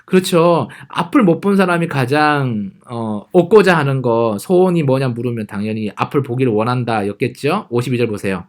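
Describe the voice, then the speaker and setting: A man teaching a youth church Bible lesson, explaining the passage in a friendly, animated way. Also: medium pitch, normal speed, few pauses.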